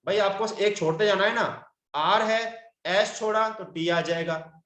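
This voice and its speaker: A man's voice: high voice, measured pace, a bit bright, reverberant. A male teacher running an online tutoring class, patiently coaxing his students through each step and calling them "beta".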